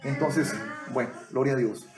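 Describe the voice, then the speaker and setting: A man's voice: mid-range voice, moderate pace, roomy sound, faint music behind, poor audio. A man preaching a sermon, often calling his listeners brothers and asking them to agree. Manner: addresses the congregation as brothers, asks for agreement often.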